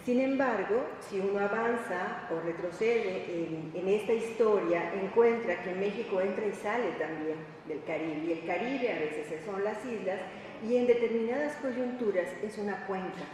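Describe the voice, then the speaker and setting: A woman with a Mexican Spanish accent gives a semi-improvised academic panel talk, halting and reflective, pausing to search for words. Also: mid-range voice. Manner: halting and reflective, with searching pauses and tag questions. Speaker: academic researcher presenting at a panel. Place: indoor conference room or hall. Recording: echoey hall, distant mic, faint noise.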